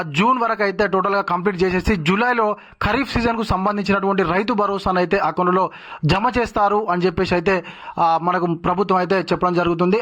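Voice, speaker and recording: A man hosting a news update channel, talking in a rapid, filler-heavy way with frequent restarts. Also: sits high, a bit bright.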